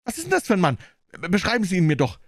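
A man voicing an eager young woman who fires off quick, urgent questions. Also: huge pitch swings, no echo, clean studio sound, heavily acted. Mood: alarmed. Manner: raised pitch, urgent questions.

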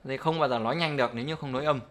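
A man's voice: mid-range voice, rapid-fire, a bit bright. A man teaching English pronunciation in a casual spoken lesson, explaining step by step and often checking that viewers follow.

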